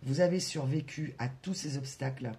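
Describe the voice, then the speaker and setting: A French-speaking card reader giving a spiritual guidance reading, talking slowly with many hesitations and asides to spirit guides. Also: medium pitch, dark tone. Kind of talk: tarot-style guidance reading to camera.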